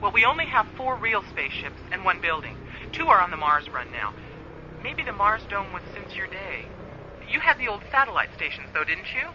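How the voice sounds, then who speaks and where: In a radio play, a woman portrays a friendly, candid space communications officer who is chatty and a little apologetic over a radio link. Her medium-pitched voice is sing-song, pushed and bright, at a moderate pace. A radio transmission filter makes the band-limited link sound dull, with music behind her and a little hiss or hum.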